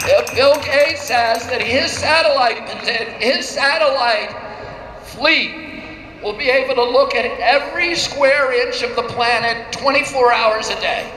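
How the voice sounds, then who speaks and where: A man giving a declamatory rally speech at an outdoor demonstration, speaking in short phrases with pauses for translation. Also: very high-pitched, soft background music. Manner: declamatory, pausing after each phrase for translation. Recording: echoey outdoor loudspeaker sound with reverb.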